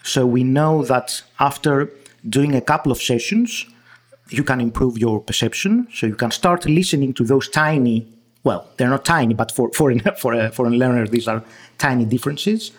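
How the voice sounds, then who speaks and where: A guest researcher from Greece, speaking with a Greek accent, gives explanations in an interview in a mid-range voice at normal speed. He sounds hesitant, with many fillers and frequent restarts.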